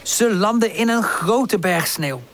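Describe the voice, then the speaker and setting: A woman narrating a children's storybook in a calm, gentle reading voice. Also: medium pitch, slow pace, noisy background. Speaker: audiobook narrator.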